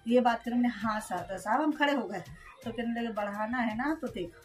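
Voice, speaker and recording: High-voiced woman telling her story. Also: moderate pace, faint music behind. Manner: storytelling, quoting others' words, frequent "haan, ji". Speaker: interviewee recounting an incident. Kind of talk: emotional first-person account.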